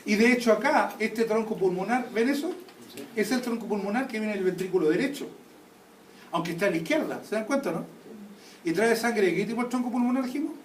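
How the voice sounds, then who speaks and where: A man with a high-pitched voice talks a little fast as he teaches an anatomy class, firing off check questions to his students again and again. Recorded from a distance, the classroom lecture echoes and carries faint noise.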